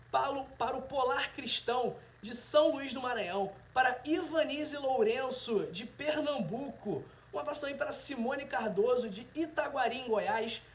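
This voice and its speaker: This thirtysomething Brazilian-accented man has a very high-pitched, slightly bright voice. Hosting a livestream and presenting health videos, he speaks casually and straight to his audience. The audio echoes in a roomy space.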